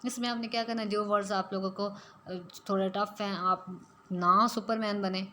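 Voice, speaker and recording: A woman's voice: mid-range voice, fairly even intonation, normal speed, sharp tone, slight background noise. A woman teaching spoken English, explaining step by step and slipping English phrases into her talk.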